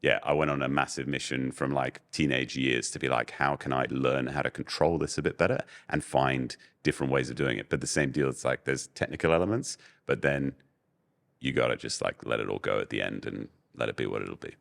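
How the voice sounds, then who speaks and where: A young man with a strikingly deep, low voice talks as a guest on a podcast. He tells relaxed, candid stories and leans on plenty of fillers as he goes. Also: brisk, vocal fry. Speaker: guest, voice-over artist and agency owner. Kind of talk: casual podcast interview.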